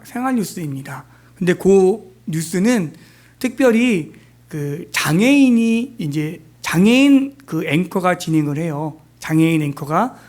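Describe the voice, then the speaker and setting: A man with a high-pitched voice delivers a sermon in a church. He talks casually, pauses often and keeps putting questions to the congregation. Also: a little mellow. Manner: conversational preaching with many rhetorical questions and fillers. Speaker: pastor.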